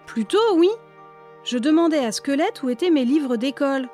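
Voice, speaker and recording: A woman voicing a spirited, bossy young witch girl, high and exclaiming, in a storybook reading. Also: normal speed, faint music behind, natural voice. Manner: lively, exclaiming, high and animated.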